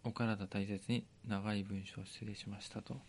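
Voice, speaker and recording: A man's voice: lowish voice, flat delivery, measured pace, darkish tone, a little hiss or hum. A male podcast co-host with a Tochigi accent who reads listener mail aloud politely and then jokes around in casual banter. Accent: Tochigi dialect.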